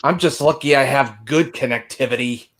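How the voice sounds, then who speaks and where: A man chatting on a casual podcast with friends, middle-pitched and eager. He talks like a devoted fan, blunt and loose, with casual swearing. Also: normal speed, a bit bright. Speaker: podcast guest. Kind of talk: casual online podcast chat.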